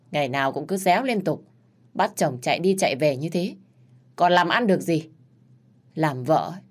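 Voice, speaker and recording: A woman's voice: lowish voice, darkish tone. A woman voicing a stern older mother who lectures and scolds her grown daughter.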